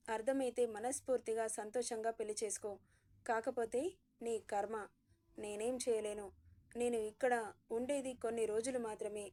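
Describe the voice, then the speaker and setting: A young groom, firm and then playfully teasing in a storybook romance, as a woman narrator voices him. The voice sits high and soft, with a warm, mellow tone and no gruffness. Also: close to an everyday voice. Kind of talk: audio story reading.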